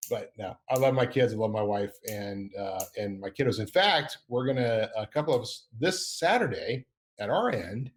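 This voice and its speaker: A middle-aged man with a fairly low, lively voice hosts a casual podcast at moderate speed. His talk is cheerful and meandering, full of self-corrections.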